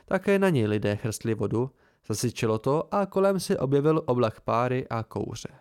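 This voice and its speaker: A man's voice: mid-range voice, lively intonation, darkish tone, clean tone. A man reading a novel aloud in the first person, as an amateur audiobook narrator.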